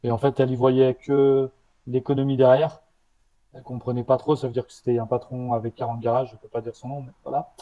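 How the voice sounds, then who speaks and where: A man with a slight leftover stutter, a startup founder answering interview questions in a halting way, with many restarts. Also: mid-range voice, little pitch movement, narrow, tinny audio. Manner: halting, with restarts and repeated words.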